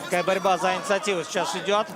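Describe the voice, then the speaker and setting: A man's voice: sits high, fairly even intonation, rapid-fire. A man giving live commentary on a mixed martial arts fight. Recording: loud crowd and music behind. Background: arena crowd and music.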